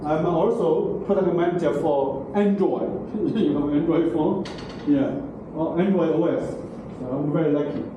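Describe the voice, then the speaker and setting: Captured by a far room camera with the highs cut off, a middle-aged man lectures in a large, very echoey, noisy classroom. His fairly high voice holds a measured pace with hardly any pauses, and his broken English is full of "okay?" and "right?".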